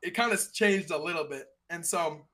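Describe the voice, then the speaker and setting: A young man tells a story in a relaxed conversation, with a bright, slightly sharp tone. He talks in a slangy, animated way and slips into the voices of other people as he recounts what happened. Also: on the high side, moderate pace. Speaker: streamer guest.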